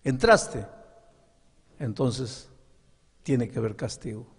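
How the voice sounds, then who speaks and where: A stern mother scolds her son in firm tones, as a preacher plays her. The voice has a gravelly, husky edge. Long reverb from a large hall hangs on each phrase. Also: medium pitch, slow. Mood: stern scolding.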